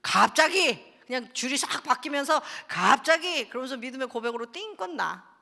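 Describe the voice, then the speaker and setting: Animated woman preaching in a reverberant hall. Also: high-pitched, moderate pace, vocal fry. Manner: animated, acts out people's tearful prayers, swings from loud to hushed. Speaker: pastor's wife preaching. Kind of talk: sermon at a Friday service. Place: church sanctuary.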